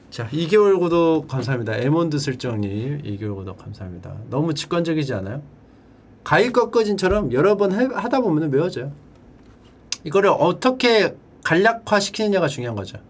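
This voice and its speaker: Husky, lively male streamer. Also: a little fast. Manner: playful, drills words by repeating them in a high echo; bursts into shouted cheers. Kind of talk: casual livestream chat.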